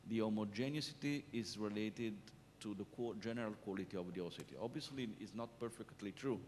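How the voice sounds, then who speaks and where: Man, low voice, conference panelist, emphatic and explanatory, reverberant hall, faint rumble. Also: darkish tone. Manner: emphatic, explanatory, frequent hesitations.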